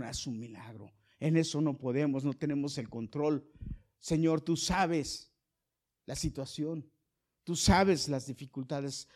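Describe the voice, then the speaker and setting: A middle-aged male pastor delivers a sermon in a fairly high voice. He swings between loud, ringing calls to the congregation and soft, low storytelling.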